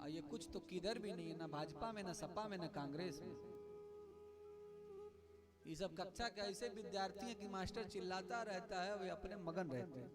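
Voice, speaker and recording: A man's voice: high-pitched, moderate pace. A male preacher from telling devotional stories in a live sermon and putting questions to his audience. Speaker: Bhagavat Katha preacher. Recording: live with loud accompanying music.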